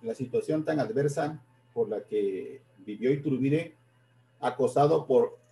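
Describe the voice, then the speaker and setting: Halting man giving a history talk. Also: mid-range voice, vocal fry, dark tone, a little hiss or hum. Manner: halting, self-correcting, repeats words. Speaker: history presenter. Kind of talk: live-streamed history lecture.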